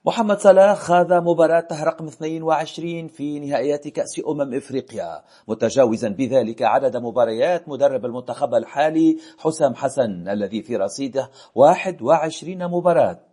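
A man presenting a radio sports news bulletin, reading a script in a measured, formal way. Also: mid-range voice, warm tone, slightly rough.

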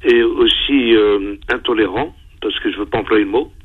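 A man's voice: fairly low pitch, normal speed, husky, dry recording, narrow, tinny audio. A man joining a radio talk show, speaking cautiously, often repeating and stumbling over words. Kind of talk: radio debate.

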